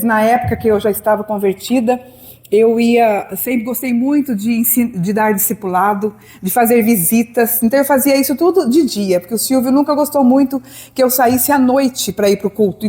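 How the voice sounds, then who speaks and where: A woman's voice: fairly high pitch, darkish tone. A woman in her sixties with a Brazilian accent, preaching a sermon as a pastor and telling her own life story in a personal, conversational way with quoted dialogue. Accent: Brazilian Portuguese. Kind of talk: sermon testimony.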